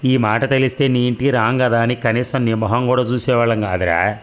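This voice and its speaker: A man voicing a proud, stubborn older father who is quick to anger and talks gruffly and sulkily. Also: medium pitch, steady tone, lightly acted. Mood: angry. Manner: gruff, sulky.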